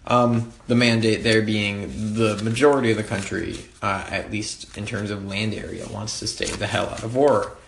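A man's voice: fairly low pitch, fairly even intonation, moderate pace, gravelly, few pauses, roomy sound, slight background noise. A man giving a casual history lecture, talking loosely with many fillers and wry asides. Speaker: history tutor.

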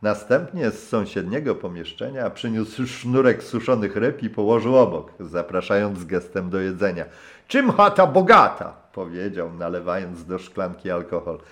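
A man reading a travel memoir as an audiobook, in calm, measured narration. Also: low voice. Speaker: audiobook reader. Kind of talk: scripted narration.

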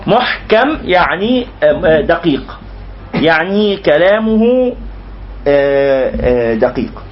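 Egyptian guy lecturing, high voice, restates every word, faint hum in the background. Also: big pitch swings, takes it slowly, dull audio. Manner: explains word by word, repeating and restating terms. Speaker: religious teacher. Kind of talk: lecture explaining a classical poem.

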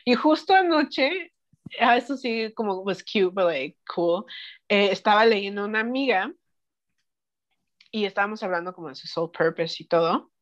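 Woman, Mexican Spanish accent, psychic guest; chatty, code-switching, mid pitch, slightly dull recording. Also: moderate pace. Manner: mixes English phrases into Spanish, animated quoting. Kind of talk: casual storytelling chat.

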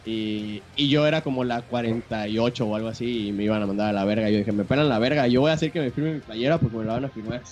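Excited young Mexican man telling a story. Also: mid-range voice, fast, few pauses. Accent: Mexican Spanish. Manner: excited, slangy, swears freely. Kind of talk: casual storytelling among friends.

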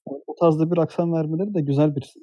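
A man's voice: on the high side, fairly even intonation, rapid-fire, no room sound, highs cut off. A man chatting casually on a podcast, hesitant, with many fillers and restarts. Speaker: podcast co-host. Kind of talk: casual chat.

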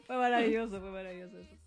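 A woman's voice: on the high side, mellow. A woman with a Chilean accent co-hosting a podcast in casual chat, chatty and laughing often. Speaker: podcast co-host.

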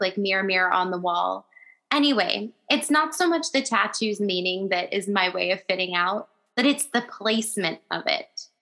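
A woman's voice: medium pitch, bright, forceful tone, rough recording. A woman in her thirties hosting a podcast, chatting earnestly and laughing often. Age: 30s. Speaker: podcast host. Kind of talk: casual chat.

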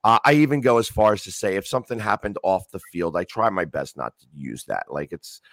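A man's voice: low-pitched, fairly quick, vocal fry, fairly bright tone, no echo. A talkative man in casual chat as a sports-fan guest, rambling with many restarts.

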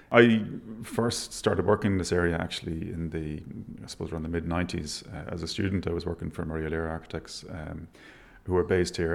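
A man's voice: deep voice, vocal fry. A middle-aged man with a west of Ireland accent, talking reflectively as an interview guest. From Galway, west of Ireland.

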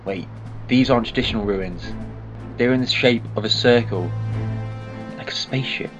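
A man's voice: lowish voice, moderate pace, close to an everyday voice. A man voicing a clever, earnest time traveller who explains things with urgency. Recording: dull lo-fi with music.

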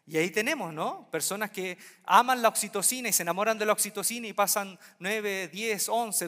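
Bright-voiced preacher in a reverberant hall. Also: male voice, high-pitched. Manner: repeats key phrases for emphasis, checks in with the congregation. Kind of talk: sermon. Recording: long reverb in a large hall.

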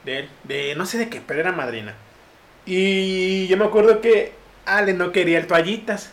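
Slangy high-voiced man telling stories. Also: moderate pace. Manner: slangy, animated, acts out quotes in raised voices. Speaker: podcast host. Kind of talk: casual storytelling chat.

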